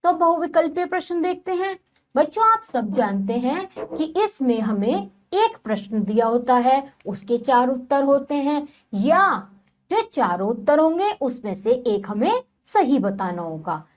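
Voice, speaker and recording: A woman's voice: high voice, big pitch swings, unhurried. A woman teaching a children's lesson, talking to the children directly in a sing-song way and spelling words out sound by sound. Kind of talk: children's Hindi lesson on vowel signs.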